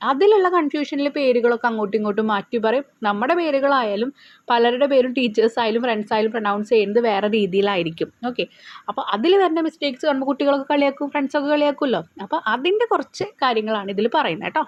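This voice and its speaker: A woman with a Malayali accent teaches from a textbook, reading English sentences slowly and deliberately before explaining them in brisk, friendly asides. Her voice sits high, and the close, dry recording sounds a little dull and lo-fi. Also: animated, no echo. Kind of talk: bilingual textbook lesson, reading English lines then explaining.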